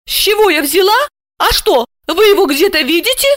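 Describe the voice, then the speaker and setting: Woman voicing a flustered young heroine, audiobook, piping high voice, animated, dry sound. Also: normal speed, no echo. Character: nervous young woman Asya, squeaky and flustered. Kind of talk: audiobook character voice.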